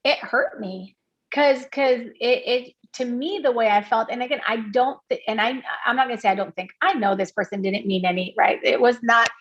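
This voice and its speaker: This interview guest, a woman from Puerto Rico, has a slightly high voice and speaks at normal speed. She's earnest and candid, with frequent restarts and fillers, and the sound is lo-fi.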